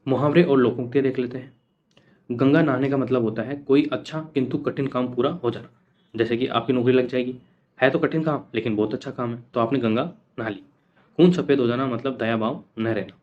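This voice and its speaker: A man's voice: medium pitch, fairly quick, dull audio. A man teaching an exam coaching lesson, repeating each answer and asking the class questions that he answers himself. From India.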